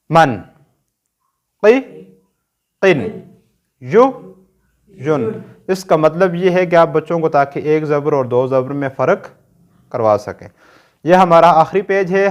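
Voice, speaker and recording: A man with a Pakistani Urdu accent teaching Quran reading in a recorded lesson, patiently drilling short sounds one by one and checking that learners follow. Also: on the high side.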